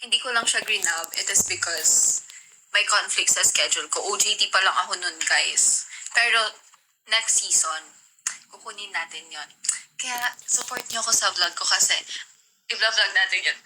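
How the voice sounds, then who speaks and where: A woman's voice: mid-range voice, normal speed, poor audio. A young woman in her twenties from the Philippines, hosting a casual livestream in a giggly, chatty way and greeting viewers by name. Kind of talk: casual live-stream chat. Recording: loud background noise with clicks.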